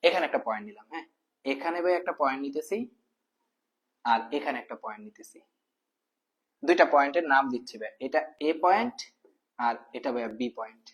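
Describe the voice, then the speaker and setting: This math tutor's voice runs on the high side, and he talks fast and animatedly with frequent pauses. His lesson is casual and spoken, with each term said twice, questions put to the viewer, and the viewer addressed as brother.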